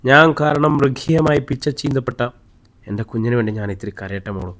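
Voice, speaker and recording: A man's voice: mid-range voice, a little fast, a bit bright, lightly acted. A man voicing a grieving older father whose voice breaks with tears in an audiobook.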